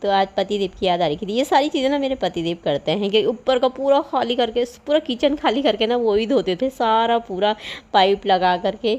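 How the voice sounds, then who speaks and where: A woman's voice: on the high side, moderate pace, darkish tone. Chatty middle-aged woman with a cold. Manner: chatty and rambling, often laughing. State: has a cold and sore throat. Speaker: home vlogger, mother. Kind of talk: casual voice-over chat about housework.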